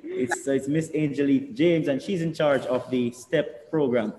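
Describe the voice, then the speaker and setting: A man with a Jamaican accent hosting a student office live stream, introducing committee members in a relaxed, chatty way. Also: mid-range voice, moderate pace. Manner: relaxed, chatty, laughs between words. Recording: echoey room with long reverb, faint noise.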